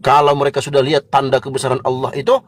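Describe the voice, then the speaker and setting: A man's voice: mid-range voice, monotone, very fast. A man giving a combative, mocking religious lecture, lecturing listeners directly.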